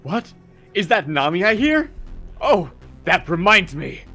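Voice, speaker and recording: A man's voice: high voice, very animated, a little slow, sharp tone, faint music behind, voice pushed up, heavily acted. A man voicing a polite, daffy living skeleton in a genteel, theatrical manner for a comic manga dramatization. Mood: flustered.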